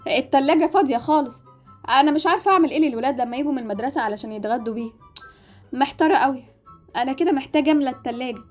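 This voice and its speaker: Exasperated Egyptian woman, very high voice. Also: very fast, soft background music. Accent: Egyptian Arabic. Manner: exasperated, scolding, theatrical. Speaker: channel creator voicing a game series. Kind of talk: game drama acting.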